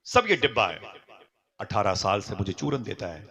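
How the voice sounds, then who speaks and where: A male preacher voicing a furious wife who scolds her husband, shouting angrily within a sermon story. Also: on the low side, expressive, moderate pace.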